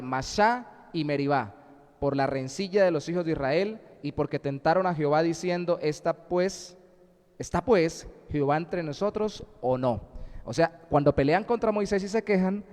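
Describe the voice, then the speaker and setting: Male pastor, slightly high voice, deliberate sermon delivery with scripture readings, echoing church. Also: animated, a little mellow. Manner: reads scripture aloud and explains it, deliberate. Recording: live stream in a reverberant church.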